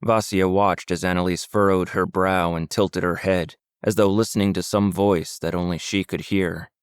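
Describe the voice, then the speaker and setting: A man narrating a supernatural mystery audiobook in a calm, even storytelling manner. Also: low-pitched, normal speed, clear, resonant tone, no echo, studio quality. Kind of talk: scripted narration.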